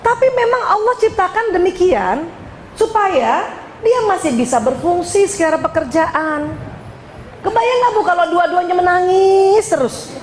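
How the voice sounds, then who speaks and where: A middle-aged woman giving a lively, joking talk to a women's study group, often addressing the listeners as "Bu". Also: very high voice, unhurried, a little hiss or hum. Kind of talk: lively talk with slides to an audience. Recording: echoey hall.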